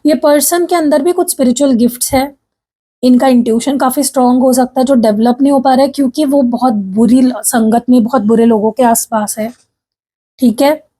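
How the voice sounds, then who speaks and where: A woman reads tarot in a casual chat with her viewers, keeping her voice high but soft and mellow. She slips English phrases into her talk and keeps checking in with her listeners. Her throat is sore as she speaks. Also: steady tone, brisk. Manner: chatty, addresses viewers as "guys", frequent "theek hai?"; mixes English phrases into Hindi speech. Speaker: tarot reader.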